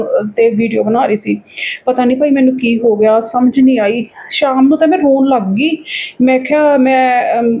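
Woman, Punjabi accent, casual vlog chat, high-pitched, lo-fi phone sound. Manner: chatty, often adds tag questions. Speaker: vlogger. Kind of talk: casual daily-routine vlog talk. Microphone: phone camera.

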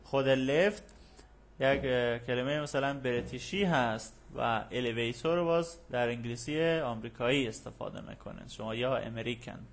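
A male teacher at an ordinary mid pitch gives a recorded language lesson. He reads English sentences slowly and deliberately, then explains them in rapid, casual Persian full of fillers.

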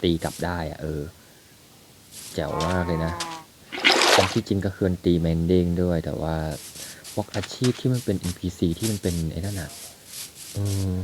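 A young man talks his way through a building game, musing aloud as he goes. His voice sits very low. A loud layer of noise runs under the recording. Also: moderate pace, pauses often. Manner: chatty, thinks aloud while playing. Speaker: gaming YouTuber. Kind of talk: casual game commentary.

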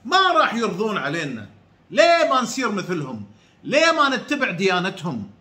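A man preaches straight to his online viewers, asking rhetorical questions and repeating his points. His voice sits very high and sounds sharp and bright. His pitch swings widely as he presses each point. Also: huge pitch swings, brisk. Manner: rhetorical, repetitive, addresses viewers directly. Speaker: online religious commentator. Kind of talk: preachy direct-to-camera talk.

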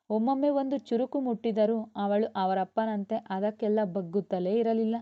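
A woman storyteller giving a steady, expressive scripted narration of a serialized novel. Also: medium pitch. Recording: dull lo-fi.

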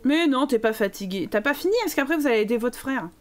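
A woman's voice: a little high, lively intonation, fast talker. A woman streaming a life-sim game live, chatting playfully to her characters and thanking viewers as she goes. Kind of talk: live gameplay commentary.

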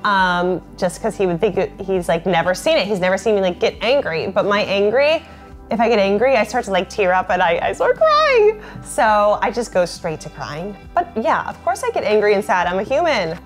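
A woman's voice: mid-range voice, very animated, moderate pace, faint music behind. A woman in her late twenties chatting casually to camera, bubbly and talkative, filling her sentences with "like". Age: late 20s. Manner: chatty, lots of "like" fillers, bubbly.

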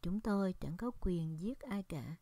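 A woman's voice: fairly low pitch, animated, unhurried, mellow, no room sound. Woman reading as an angry accusing crowd. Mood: insistent. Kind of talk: Scripture reading.

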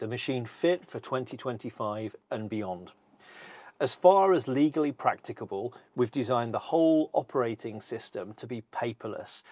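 A company presenter, a middle-aged man, precisely walks through a cockpit system in a measured, scripted way from his seat in an aircraft cockpit. The medium-pitched voice is recorded without echo.

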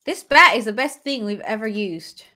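A giggly woman bantering through a co-op game. Her voice is high and bright, with a very lively melody that leaps into shrieks. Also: normal speed. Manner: giggly, screams at in-game dangers. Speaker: gaming co-host. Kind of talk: playful gaming banter.

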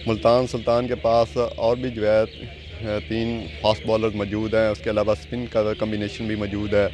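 A middle-aged man lays out his cricket analysis in a measured way, filling pauses with stock phrases. He speaks into a handheld mic out on a stadium ground at night. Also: on the low side, monotone, music in the background. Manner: measured, many filler phrases. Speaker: cricket expert. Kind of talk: field interview.

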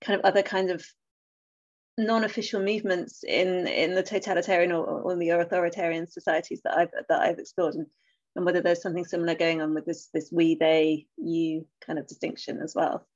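A woman's voice: on the low side, level tone, brisk, a little mellow. A woman with an Essex accent chairing an academic webinar over a video call, hesitant, with many fillers and restarts. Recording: dull lo-fi call audio.

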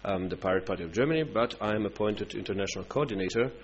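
A man speaking at a conference, halting, with many fillers and restarts. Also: on the low side, slightly rough. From Russia. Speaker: party international coordinator. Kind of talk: conference speech. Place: conference hall. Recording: dull conference-room recording with faint hum.

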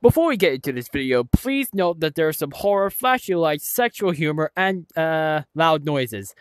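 A man's voice: a little high, lively intonation, moderate pace, heavy background noise. A man hosting a VR horror gameplay video with playful, teasing commentary. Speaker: YouTube gaming host.

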